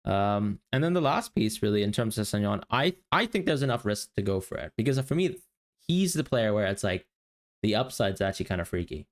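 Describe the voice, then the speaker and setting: A man's voice: fairly low pitch, very animated, brisk. A man co-hosting a podcast in casual analytical chat, thinking aloud and often restarting his sentences. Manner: rambling, self-correcting, thinking aloud. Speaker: podcast co-host.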